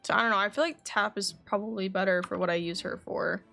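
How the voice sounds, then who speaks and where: A woman with a fast, creaky, mid-range voice livestreams a game, chatting casually and thinking aloud with animated exclamations. She also reads quest dialogue aloud, with faint game music in the background.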